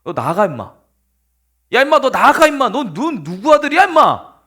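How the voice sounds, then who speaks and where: A man voicing a furious, jealous old king who yells insults and threats in a sermon retelling. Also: medium pitch, very animated, brisk, voice pushed down. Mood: shouting. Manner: yelling, insulting, menacing.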